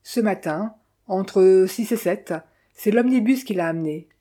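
A woman's voice: medium pitch, a little slow, dark tone, natural voice. A woman voicing a timid young male hotel porter who answers hesitantly, in a storybook reading.

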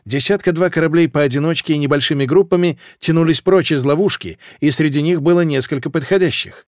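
A man reading a historical fantasy audiobook with steady, lively narration. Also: a little high, brisk, no room sound, studio quality.

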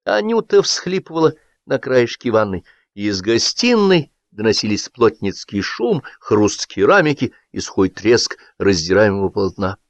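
Expressive guy reading a comic story aloud, animated, dull dry sound. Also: on the low side, normal speed, dry recording. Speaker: audiobook narrator. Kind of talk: scripted narration. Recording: dull dry audiobook recording.

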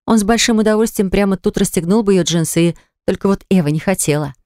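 A man narrating an audiobook in an even, measured storytelling manner. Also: high-pitched, dry recording. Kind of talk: scripted narration. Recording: dry close studio recording.

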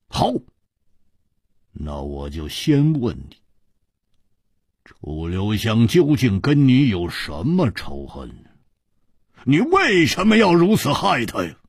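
A man voicing a brash, blunt male sidekick who mocks and exclaims loudly. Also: deep voice, very animated, slow, pauses often, slightly rough, dry recording, clean studio sound, heavily acted.

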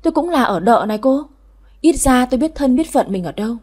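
A blunt, loyal young housemaid, as a woman storyteller puts her on in an audiobook tale. She speaks high and clear-cut, with a husky tone. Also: expressive, fairly quick, a little mellow.

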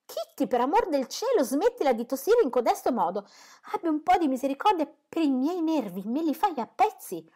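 A woman reading aloud, voicing a fussy, excitable middle-aged mother who complains about her nerves. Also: mid-range voice, normal speed, natural voice. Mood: fretful. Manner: exclamatory and complaining.

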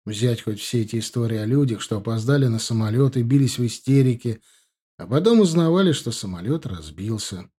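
A male narrator reads a first-person audiobook in a reflective, conversational way. His voice is dark and husky, with lively intonation that rises and falls. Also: medium pitch, brisk.

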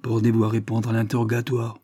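Male reader as a stern middle-aged coroner, dark, dry, commanding. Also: on the low side, completely flat delivery, quick pace, slightly rough, dry recording. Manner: severe, formal questioning.

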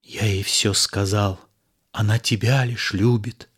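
A proud poet-soldier sunk in despair, as a male reader plays him, speaking low and hushed. His lines come slowly and solemnly, in the measured way of a dramatic play reading. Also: lively intonation.

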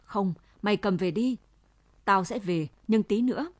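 A frightened young village man speaks in blunt, halting bursts, as a woman reader puts him on. His words come short and uneasy, recorded close in a dry space. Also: medium pitch, a little mellow, no room sound, natural voice. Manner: scared, hesitant, rough familiar speech.

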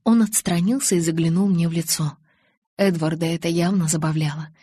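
A woman's voice: fairly low pitch, fairly even intonation, brisk, dark tone, husky, no echo. A woman narrating a first-person romance audiobook in an intimate storytelling manner. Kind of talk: scripted narration.

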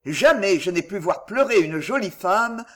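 A woman's voice: medium pitch, lively intonation, a little slow. A woman reading as a cold, proud nobleman. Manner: cold, curt, bitterly ironic. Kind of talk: audiobook character reading.

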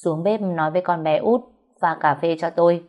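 A woman's voice: fairly low pitch, a little fast, highs cut off, close to an everyday voice. A woman voicing a cold young master of a house who gives curt orders in a storytelling audiobook. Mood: commanding.

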